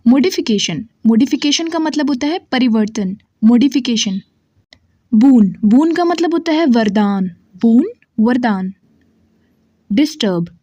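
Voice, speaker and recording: A woman teaching English vocabulary, saying each word and its meaning slowly and repeating both. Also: fairly high pitch, dark tone, no room sound. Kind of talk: slow word-by-word vocabulary drill.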